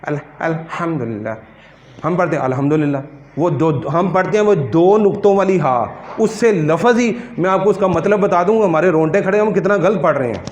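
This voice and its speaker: A man teaching a Quran pronunciation class, who questions his students and repeats words slowly to correct them. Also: high-pitched, darkish tone. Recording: echoey room.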